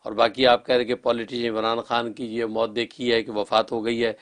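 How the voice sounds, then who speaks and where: A man interpreting callers' dreams on a religious call-in show, calm and advising in a set, formulaic way. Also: mid-range voice.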